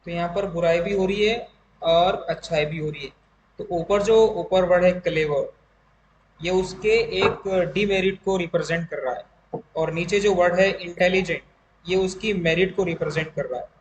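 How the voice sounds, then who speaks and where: A male English teacher, running an online class and slowly explaining grammar with examples. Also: high-pitched. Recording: echoey room with faint noise.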